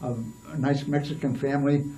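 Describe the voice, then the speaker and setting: A man's voice: medium pitch, flat delivery, a little fast, warm tone, distant mic, low-quality recording. An older man telling long stories as an interview guest, rambling with frequent restarts and fillers. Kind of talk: storytelling in a casual interview.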